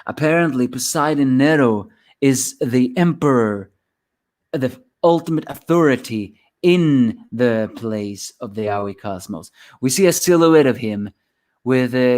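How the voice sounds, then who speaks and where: A man's voice: medium pitch, darkish tone. A man giving a rambling solo review of a manga chapter, sleepy and yawning, often restarting his words.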